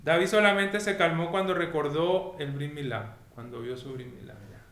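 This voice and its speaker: A man's voice: fairly high pitch, normal speed, a bit bright. A man teaching a weekly Torah lesson in a didactic way, often checking that his listeners follow. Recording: echoey room with faint noise.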